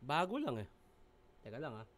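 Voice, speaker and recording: A man with a Filipino accent hosting a reaction video, talking casually, swearing freely and breaking into excited shouts. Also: medium pitch, normal speed.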